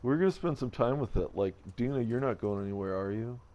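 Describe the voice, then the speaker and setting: A man's voice: mid-range voice, fast, lo-fi sound. A man streaming a video game, rambling and joking about whatever comes to mind with self-mocking asides. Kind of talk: casual let's-play commentary.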